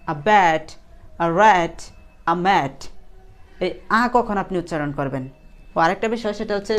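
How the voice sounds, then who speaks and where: A woman teaching English pronunciation in Bengali, repeating each example word several times and asking questions she answers herself. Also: fairly low pitch. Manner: asks the class questions and answers them herself. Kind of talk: spoken English lesson in Bengali.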